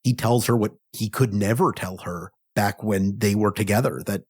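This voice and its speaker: A man's voice: lowish voice, normal speed, darkish tone, husky. A man co-hosting a casual comics podcast, retelling scenes in an earnest, thoughtful way. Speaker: podcast co-host. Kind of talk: casual chat about comics.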